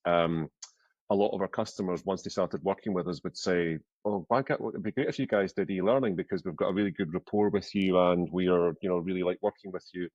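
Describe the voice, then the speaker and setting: A man's voice: sits low, fairly quick, a little mellow, dry recording, highs cut off. A Scottish man in his fifties, a podcast guest chatting casually, self-deprecating, with lots of fillers and restarts. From Scotland. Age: 50s. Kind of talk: casual interview conversation.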